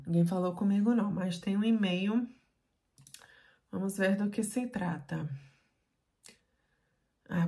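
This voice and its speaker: A woman's voice: lowish voice, darkish tone. A middle-aged Brazilian woman chatting casually to her viewers in a vlog, exclaiming and talking to them directly. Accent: Brazilian Portuguese. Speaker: vlogger. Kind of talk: casual vlog chat to camera.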